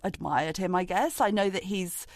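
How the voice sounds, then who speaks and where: A woman's voice: fairly low pitch, moderate pace, heavy background noise. A woman with a British accent co-hosting a podcast in casual chat, telling stories and laughing often. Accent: British English. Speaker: podcast co-host.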